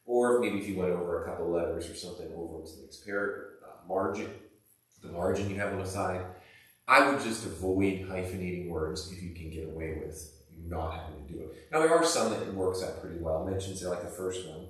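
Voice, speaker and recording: Male teacher, low voice, loose chatty explaining, booming classroom echo. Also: brisk, fairly bright tone. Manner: casual, rambling explanation with many fillers. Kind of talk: recorded classroom lesson. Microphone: camera across the room. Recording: echoey room, distant camera mic.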